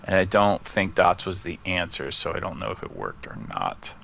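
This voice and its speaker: A man giving casual let's-play commentary at home, chatty and quick to laugh, chatting about his cat as he plays. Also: low voice, big pitch swings, creaky, fairly bright tone, slight background noise. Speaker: gaming streamer. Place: at home near a couch.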